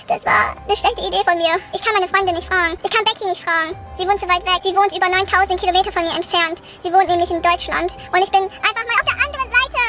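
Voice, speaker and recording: A young woman vlogging to camera in a car and outdoors at night, anxious and often addressing her viewers, with her voice sped up and squeaky. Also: fast, few pauses. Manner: anxious, keeps calling the viewers "Leute". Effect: sped up, squeaky high pitch. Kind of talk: horror challenge vlog to camera. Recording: background music under the voice.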